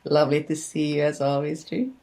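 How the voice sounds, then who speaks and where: A woman's voice: sits low, a little fast. Older woman with a Hungarian accent. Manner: warm, reflective storytelling with a laugh. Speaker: guest. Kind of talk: podcast interview.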